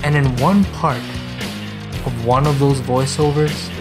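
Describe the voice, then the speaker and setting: A man delivers dramatic scripted narration at an unhurried pace. He breaks sentences into short, emphatic phrases and lets each one land. Prominent music plays underneath his medium-pitched voice. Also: steady tone. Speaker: video essay narrator.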